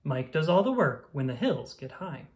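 A woman reading a rhyming children's picture book aloud in an expressive, singsong storytelling style. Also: sits low, moderate pace.

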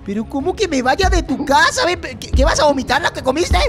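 Excitable man gaming host, high and very animated, exclaiming constantly to viewers. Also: a little fast, music in the background. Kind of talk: game playthrough commentary.

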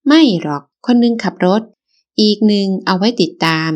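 A woman voicing a firm, protective young man in an audiobook, explaining a plan calmly. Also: medium pitch, normal speed, lightly acted. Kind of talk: audiobook character reading.

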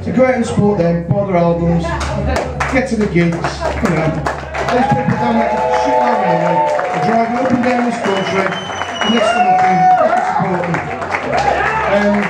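A man's voice: high-pitched, moderate pace. A middle-aged man giving an informal, sweary thank-you speech on a club stage, blunt, jokey and matey, through a handheld microphone. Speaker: event organiser on stage. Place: indoor music club stage. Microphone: handheld stage mic, heard from a far camera. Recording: echoey live club, distant camera, noisy crowd, music.

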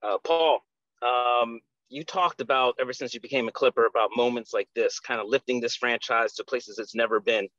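A man's voice: medium pitch, steady tone, normal speed, fairly bright tone, dry recording, lo-fi sound. A male reporter asking a player long, winding questions at a press conference.

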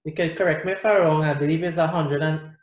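Speaking fast in a fairly high voice, this middle-aged Trinidadian musician is a guest on a video call, chatting casually and animatedly and using his hands to explain. The audio through his webcam has cut-off highs and echoes around his small indoor room.

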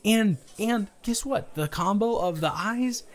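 In an improvised romantic audio roleplay, a man plays an earnest, reassuring young suitor on a date, sounding smitten. His voice sits high and animated, and he speaks haltingly with stammers.

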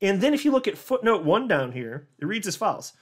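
A man's voice: high-pitched, very animated, brisk. A man hosting a crypto commentary, reading a legal filing aloud and reacting with sarcastic disbelief, often restarting words as he gets worked up. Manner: incredulous, sarcastic, laughs in disbelief.

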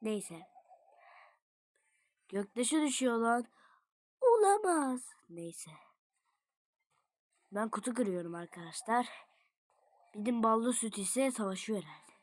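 High-pitched woman chatting through a game for viewers, excitable, mutters then suddenly yells. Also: a little slow, pauses often, no room sound. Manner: excitable, swings from low mutters to sudden shouts. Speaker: gaming video creator. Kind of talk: casual gameplay commentary to viewers.

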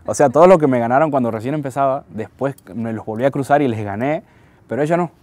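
A man's voice: medium pitch, fast, a little mellow. A man in his twenties from Tucumán with an Argentine accent, talking casually and hesitantly in an interview, often repeating words. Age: 20s. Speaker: freestyle rapper interviewed.

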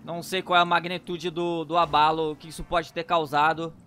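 A man with a Brazilian accent giving excitable gameplay commentary, often shouting and using slang. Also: on the high side, a little fast, a little hiss or hum. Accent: Brazilian Portuguese. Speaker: gameplay youtuber.

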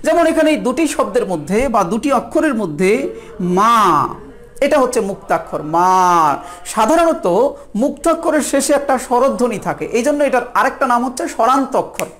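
A Bangladeshi woman with a high, animated voice speaks fast in a recorded exam-prep video lesson. Her teaching is patient and methodical, and she sounds words out syllable by syllable.

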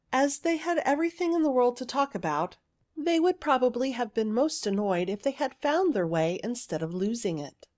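A woman narrating a fairy story in a gentle, even storytelling manner. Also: fairly high pitch. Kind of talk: audiobook fairy story reading.

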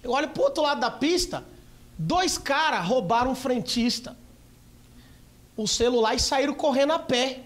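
High-voiced, rowdy Brazilian comic. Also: male voice, expressive, normal speed, pauses often. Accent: Brazilian Portuguese. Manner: rowdy, swearing, acts out scenes and voices with sudden shouts. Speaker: stand-up comedian. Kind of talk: stand-up routine. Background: audience laughter.

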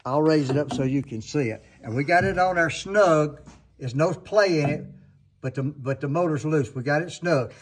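Recorded on a handheld camera in an open barn workshop with slight background noise, an older sawmill sharpening show host gives a casual how-to demonstration. His voice is fairly high and his pace moderate, and he talks in a folksy, rambling style, often going back to correct himself.

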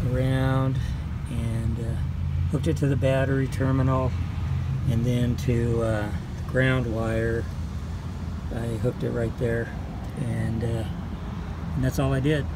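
A middle-aged vlogger with a mid-range voice gives a casual how-to walkthrough of a car install, speaking in an even monotone. He's plain and unhurried, talking through each step with fillers. His phone camera is held close, in a small car and outside it in a tree-lined lot with noisy outdoor background.

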